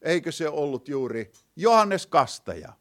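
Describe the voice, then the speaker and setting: A man's voice: a little high, very animated. Man preaching with rising and falling emphasis. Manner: rhetorical questions, swelling emphasis and dropping to hushed phrases. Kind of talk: sermon.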